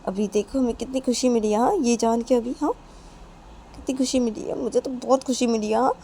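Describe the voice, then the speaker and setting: A woman's voice: a little high, steady tone, brisk, dark tone, slight background noise, pitched above the performer's own voice, close to an everyday voice. A woman voicing a middle-aged father who coaxes and soothes his upset wife. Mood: coaxing.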